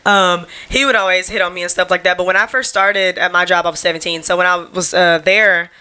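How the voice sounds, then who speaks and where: A young woman talks straight to her camera at home, rambling from one thought to the next. Her voice sits a little low but has a bright, forward edge, and her speech is loose, slangy and full of fillers. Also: steady tone, a little fast, clean tone. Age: young adult. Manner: rambling and chatty, heavy on "like" and slang. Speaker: podcast host. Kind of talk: casual solo podcast chat.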